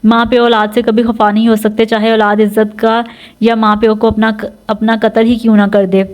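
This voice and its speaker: A woman narrating a romance audio novel in a steady storytelling manner. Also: fairly high pitch.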